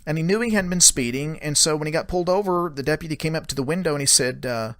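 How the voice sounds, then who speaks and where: A man casually retelling a secondhand story in a conversational way, with many small pauses and "he said" tags. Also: on the high side, a bit bright, dry recording, studio quality. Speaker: paranormal storyteller.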